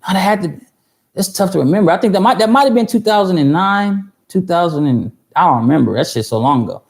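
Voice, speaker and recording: On a music producers' livestream, a man in his 30s spins out a lengthy story, swearing and rambling with many fillers and restarts while answering chat along the way. He's a fast, animated talker with a high, gravelly voice.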